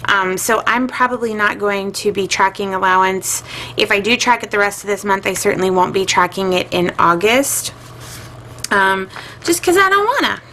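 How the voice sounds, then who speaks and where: A middle-aged woman talks casually to her viewers as she works through her budget at a home desk. Her voice sits at an ordinary middle pitch, and she muses aloud with lots of um's. A faint hiss of room noise sits behind her. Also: fairly even intonation, normal speed, pushed and bright, low-quality recording. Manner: chatty, musing aloud with filler words. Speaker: budgeting vlogger. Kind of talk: casual chat while budgeting.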